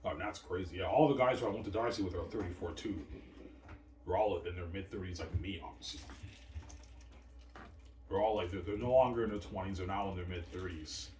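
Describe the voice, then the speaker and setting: A channel host in his thirties rambles boastfully through a casual monologue, his low, darkish voice brisk but broken by frequent pauses. He keeps tacking "right?" and "obviously" onto his points. The distant mic picks up faint noise.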